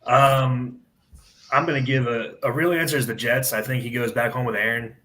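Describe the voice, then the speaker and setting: A man on a casual sports radio panel, giving his opinions in a hesitant, measured way. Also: medium pitch, steady tone, sharp tone, rough recording.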